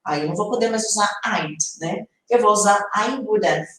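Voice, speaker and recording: A Brazilian woman teaching English in a live online lesson, explaining slowly and checking in with her viewers. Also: medium pitch, a bit bright, heavy reverb, recorded from a distance, low-quality recording. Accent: Brazilian Portuguese.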